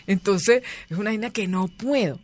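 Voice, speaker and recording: Speaking at a normal speed in a mid-range voice, a woman tells stories as a guest in a casual interview. She is animated and acts out the voices of the people she quotes, with no room sound in the recording.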